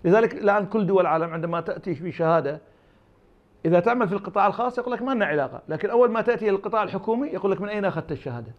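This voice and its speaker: Fast-talking high-voiced man from Iraq. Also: highs cut off. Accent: Iraqi Arabic. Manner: argumentative, uses imagined dialogues. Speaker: academic guest. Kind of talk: interview answers.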